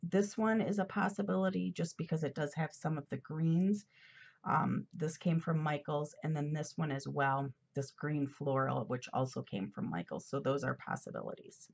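Decorating a planner at her indoor desk, a middle-aged, somewhat congested vlogger chats casually and rambles, peppering her talk with fillers and asides. Her low voice has vocal fry and a slight mellowness at a moderate pace. The overhead camera recording has its highs cut off.

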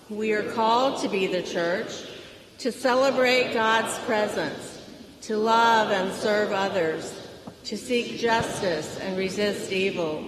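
Slow woman at a pulpit microphone. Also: mid-range voice. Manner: slow, measured liturgical recitation. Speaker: worship leader. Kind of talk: leading a spoken creed in a church service. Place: large church sanctuary. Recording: echoey sanctuary with long reverb and a crowd. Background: congregation reciting along.

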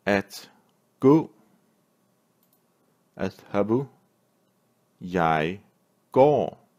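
A man, a language teacher, reading a vocabulary list word by word with pauses and repeating each phrase. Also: fairly low pitch, animated, a little mellow, highs cut off. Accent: Danish. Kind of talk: slow vocabulary drill reading.

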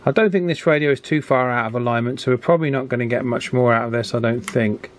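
A man with a medium-pitched voice talks quickly while giving an easygoing electronics tutorial at his indoor workbench. As a hobbyist, he shows how to align a radio and reasons aloud informally along the way. The background carries clear workbench noise.

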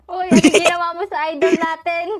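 Filipino woman co-player, high bright pitch, giggly and teasing, faint music underneath. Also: level tone, fast talker. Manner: giggly, teasing, joins in banter. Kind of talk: casual gameplay chat.

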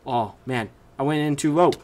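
This is excited gameplay commentary from a teenage video creator at home, delivered at normal speed in a mid-range voice. He reads the in-game signs aloud and yells and squeals loudly when he succeeds or fails, straining his voice hoarse, all recorded through a desk mic with a webcam.

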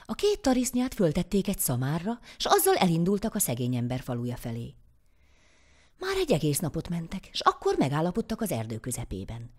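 Animated woman reading a fairy tale. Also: lowish voice. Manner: expressive, animated. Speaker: storyteller. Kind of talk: scripted fairy-tale narration.

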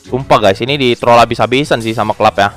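A man giving casual, excitable commentary on game gacha pulls, groaning, pleading and talking to his viewers. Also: mid-range voice, quick pace, soft background music. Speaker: gaming YouTuber.

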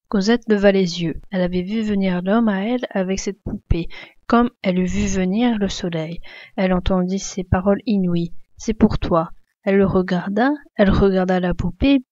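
Reader: woman, expressive literary reading, dark mellow tone, dry lo-fi sound. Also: mid-range voice, no echo. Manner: expressive, voicing the characters' shouts.

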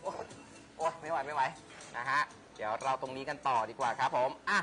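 A man's voice: medium pitch, a little fast, sharp tone, soft background music. A man hosting a live stream in a playful, bantering way, full of exclamations. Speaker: live show host.

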